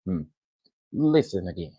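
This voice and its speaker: A man giving loud, scolding reaction commentary straight to viewers. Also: deep voice, sing-song, unhurried, slightly rough, dry recording, low-quality recording.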